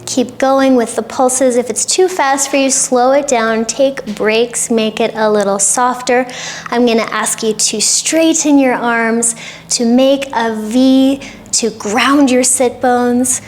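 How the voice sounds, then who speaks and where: A woman yoga teacher giving calm, gentle guided instruction for a short flow, with soft breathy asides. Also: fairly high pitch, slow pace, a little hiss or hum.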